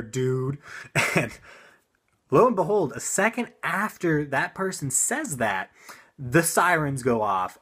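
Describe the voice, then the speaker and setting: A man's voice: medium pitch, fairly bright tone, breathy edge. A young man casually telling a personal story, rambling with restarts and swearing. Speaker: vlogger.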